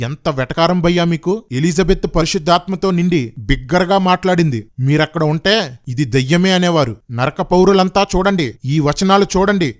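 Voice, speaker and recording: A man preaching as a pastor, scolding and sarcastic, firing one rhetorical question after another in a combative rebuttal sermon. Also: high-pitched.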